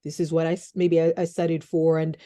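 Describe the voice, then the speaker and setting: A woman's low, dark, level voice moves at a fairly quick clip. She hosts a podcast interview, chatting with enthusiasm and repeatedly restarting her sentences.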